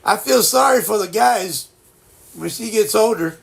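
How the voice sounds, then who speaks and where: A man in his sixties chatting casually as a livestream host, with a blocked-nose sound and a halting, reflective, folksy way of reassuring people. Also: high-pitched, vocal fry. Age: 60s. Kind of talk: casual chat.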